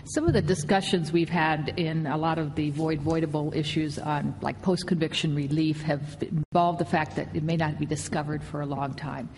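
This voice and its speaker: A woman with a low voice questions counsel as a judge, probing in plain conversational wording. Her voice carries in a reverberant hall over faint noise. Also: steady tone, moderate pace, few pauses. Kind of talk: courtroom questioning. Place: large courtroom.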